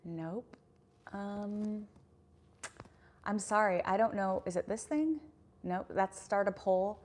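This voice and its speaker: A woman's voice: medium pitch, slow, a little mellow. A woman in her thirties hosting a casual livestream, reading viewer comments and talking in an earnest, rambling way with lots of fillers. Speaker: YouTube livestream host.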